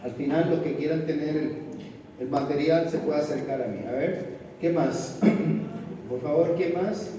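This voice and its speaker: A man's voice: on the high side, a little slow, background noise. A man preaching a sermon, calling out to the congregation and prompting amens. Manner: call-and-response, prompting amens. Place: large hall. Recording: echoey hall from far off.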